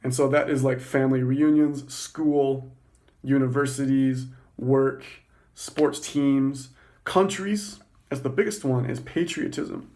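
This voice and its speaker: A man hosting a podcast, talking through philosophical ideas in an excited, fast, self-correcting monologue. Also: medium pitch. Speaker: podcast host. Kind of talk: casual spoken monologue on philosophy.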